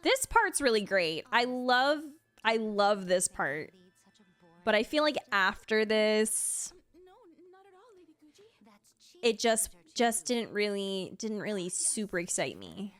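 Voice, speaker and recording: Slowly and in a sing-song way, a woman with a medium-pitched, fairly bright voice ranks game trailers. She creates videos and streams games, and her casual reaction commentary rambles along with gushing asides over faint music.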